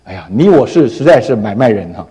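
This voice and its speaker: A male pastor preaching a sermon in an animated storytelling manner. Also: on the low side, quick pace, husky, in a large hall. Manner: storytelling, animated, frequent tag particles.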